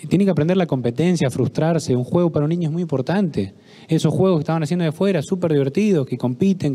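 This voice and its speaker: A middle-aged Argentine psychologist giving a talk at a parish, telling stories, acting out the dialogue and asking the audience questions. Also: male voice, on the high side, warm tone. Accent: Argentine Spanish. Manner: storytelling, acts out dialogue, asks audience questions. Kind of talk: conference talk with anecdotes. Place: parish hall.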